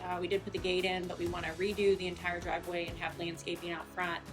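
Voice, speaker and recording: A woman's voice: on the low side, monotone, fast, music in the background. A woman giving casual, conversational answers as a homeowner in an interview.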